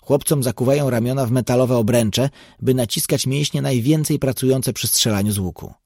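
A man reading an audiobook, voicing a seasoned tracker who explains and warns in a measured way. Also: medium pitch, darkish tone, no echo, clean studio sound, pitched above the performer's own voice, close to an everyday voice. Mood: explaining. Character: seasoned grave male tracker, guide.

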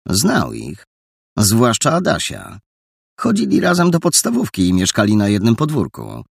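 A man reading a story aloud in an expressive, lively storytelling manner. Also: on the low side, normal speed, gravelly, breathy edge, dry recording, studio quality. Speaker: narrator. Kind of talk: audiobook narration.

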